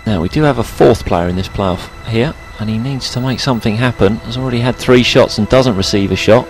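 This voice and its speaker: A man's voice: mid-range voice, a little fast. Male golf co-commentator, mid-range voice, analytical shot-by-shot reading, faint music underneath. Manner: analytical, describing each shot.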